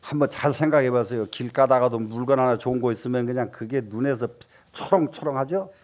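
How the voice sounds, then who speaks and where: A man giving a Buddhist dharma talk, often posing questions to the audience and answering them himself, with emphatic rises and soft dropped asides. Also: mid-range voice, fairly quick. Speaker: Buddhist teacher.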